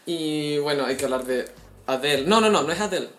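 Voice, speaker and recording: A woman's voice: low voice, brisk. A woman with a Chilean accent co-hosting a casual gossip chat, telling stories and acting out what people said. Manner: animated storyteller who acts out quotes. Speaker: podcast co-host. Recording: roomy echo.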